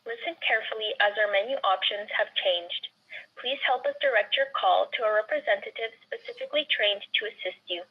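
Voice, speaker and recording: A woman's voice on a recorded customer service phone menu, reading prompts in an even, measured way. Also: medium pitch, breathy edge. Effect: recorded phone menu message. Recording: dull phone line.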